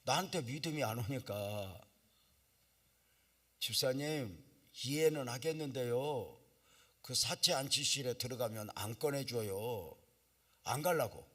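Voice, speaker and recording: A middle-aged man preaching at a revival meeting in a church, telling a story with lively acted-out voices and sudden loud cries. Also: medium pitch, measured pace, long pauses, breathy edge. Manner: animated storytelling, acts out quoted voices, bursts into loud cries. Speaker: pastor. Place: church sanctuary.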